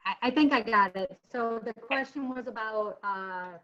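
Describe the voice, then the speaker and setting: A woman's fairly high voice comes through a video call, the audio dull and lo-fi. She presents in a webinar for a child welfare agency. She talks in a halting way, with frequent ums and self-corrections. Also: fairly bright tone. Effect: heard over a video call.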